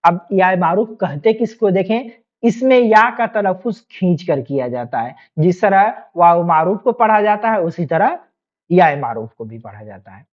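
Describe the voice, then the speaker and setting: A woman teaching an online exam-prep lesson, explaining patiently and repeating each point with quick questions to her students. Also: lowish voice, expressive, lo-fi sound.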